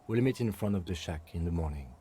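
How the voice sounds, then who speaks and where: An actor voicing a composed, polite police partner in a video game. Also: male voice, deep voice, expressive, fast talker, warm tone, slight background noise. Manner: polite and reserved. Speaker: game character.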